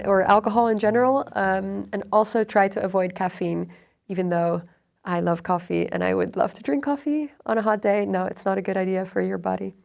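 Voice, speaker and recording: A young adult woman, a PhD researcher, explaining in measured interview answers with frequent ums and uhs. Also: mid-range voice, creaky. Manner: measured, even, with frequent fillers. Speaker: PhD researcher on extreme heat.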